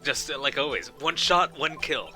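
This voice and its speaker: A man's voice: fairly high pitch, animated, moderate pace, music in the background, lightly acted. A man reading the part of a nervous, cheeky young boy witness in his everyday voice, giggling now and then. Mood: nervous recounting.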